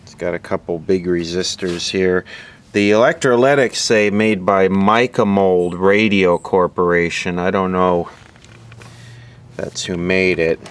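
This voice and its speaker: A man hosts his own video, narrating an unscripted, hands-on repair demonstration in a casual, matter-of-fact and halting way. His voice is deep with a steady tone, and background noise is clearly audible.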